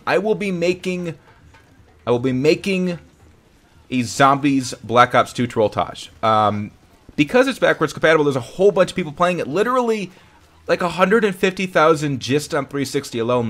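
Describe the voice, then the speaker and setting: A man's voice: medium pitch, a bit bright. A young man hosting a casual live stream, talking in an upbeat, rambling way that often corrects itself. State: hiccuping.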